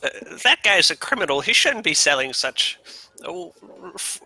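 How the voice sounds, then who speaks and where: A man's voice: a little high, sing-song, normal speed, pushed and bright, slightly rough, dry recording, voice pushed up, heavily acted, low-quality recording. A man voicing a fussy, scholarly character who speaks in a prim, formal way. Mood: disapproving.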